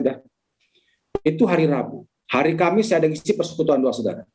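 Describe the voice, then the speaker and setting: A man's voice: fairly high pitch, mellow. A male pastor preaching over a video call, telling a personal testimony and often turning to his listeners directly. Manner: preaching storyteller, often addresses listeners as brothers and sisters.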